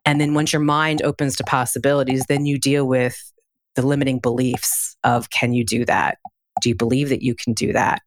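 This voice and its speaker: A woman's voice: rumbling low, little pitch movement, moderate pace. A woman speaking as an interview guest in a conversational, reflective way, explaining through examples and questions.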